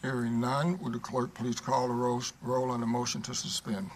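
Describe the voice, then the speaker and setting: A man serving as mayor, running a council meeting in a brisk, businesslike, formulaic way. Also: mid-range voice, little pitch movement, rough recording. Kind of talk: formal meeting procedure. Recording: clear background room noise.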